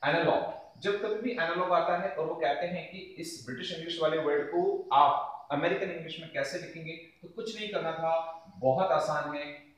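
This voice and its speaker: Guy teacher going thru exam answers step by step, bit high voice, super echoey room, mic kinda far. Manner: explains step by step, addressing "friends". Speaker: English teacher. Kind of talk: exam revision lecture in Hindi.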